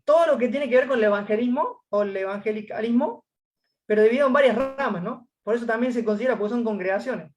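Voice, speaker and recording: His voice is very high and quick. As a guest in an informal interview, this Córdoba man with an Argentine Spanish accent narrates his story, pausing often and leaning on fillers.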